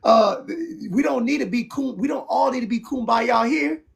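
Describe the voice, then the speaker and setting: A man's voice: very high voice, moderate pace, gravelly. A man from South Florida, hosting a heated debate on a stream and talking in an emphatic, preachy way. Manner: emphatic and preachy, repeats "see what I'm saying". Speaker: show host.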